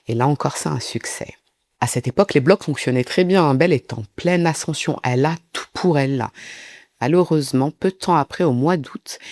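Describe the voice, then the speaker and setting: Gravelly-voiced man telling a true-crime story. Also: a little high, darkish tone, no echo, studio quality. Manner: chatty, with frequent asides to viewers.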